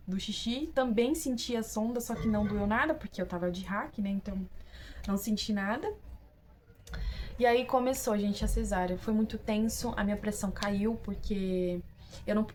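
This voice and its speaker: Young Brazilian woman, chatty storyteller, mid-range voice, talks straight to her viewers, light background noise. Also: mid-range voice. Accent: Brazilian Portuguese. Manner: chatty, addresses viewers as "gente", many fillers and restarts. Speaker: vlogger. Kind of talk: casual personal storytelling.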